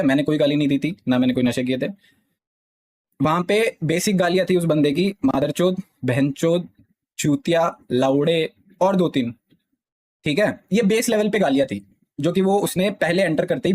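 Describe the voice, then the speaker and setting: A man's voice: on the high side, fairly quick, darkish tone. A young man, a gaming streamer, explaining a dispute insistently to his live-stream chat. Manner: insistent, repeats "theek hai" often.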